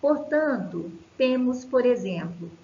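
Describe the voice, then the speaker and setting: A Brazilian woman teaching a recorded lesson, explaining slowly with many fillers and restarts. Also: fairly high pitch, lively intonation, warm tone, reverberant, highs cut off, slight background noise. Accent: Brazilian Portuguese.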